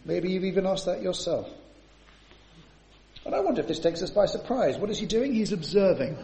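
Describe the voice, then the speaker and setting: A man's voice: a little high, warm tone, roomy sound. A man preaching a sermon to his congregation, often adding rhetorical tag questions.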